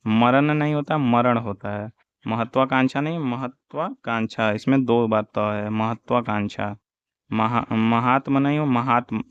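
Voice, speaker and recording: A man teaching Hindi spelling for an exam, slowly reciting wrong and correct forms one after another. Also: medium pitch, clear, resonant tone, no room sound. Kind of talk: exam-prep spelling lesson. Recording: dull, dry lo-fi audio.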